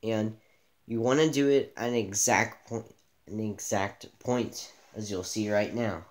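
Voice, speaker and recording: A man giving a casual gameplay tutorial, relaxed and thinking aloud as he plays in a dim room, filmed by a camera pointed at the TV. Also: fairly low pitch, a little slow, echoey room. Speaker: gaming channel host.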